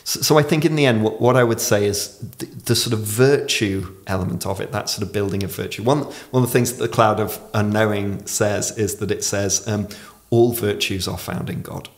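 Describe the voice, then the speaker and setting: A man's voice: on the low side, fairly even intonation, fairly quick, hardly any pauses. A man in his forties who pronounces r as w, explaining reflectively in conversation as a podcast guest. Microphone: podcast microphone on desk stand.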